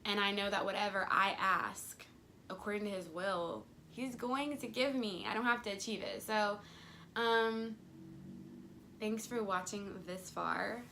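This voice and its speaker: A woman's voice: medium pitch, steady tone, unhurried, creaky, bright, forceful tone, slight background noise. A young woman talking earnestly to camera about her faith, chatty and casual, acting out little quoted voices as she goes. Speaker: faith vlogger. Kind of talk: casual devotional talk to camera.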